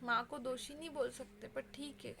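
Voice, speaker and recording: A woman's voice: sits high, fairly even intonation, moderate pace, creaky, crowd noise. A woman vlogger giving heartfelt advice straight to her viewers, earnest and pleading in a conversational way.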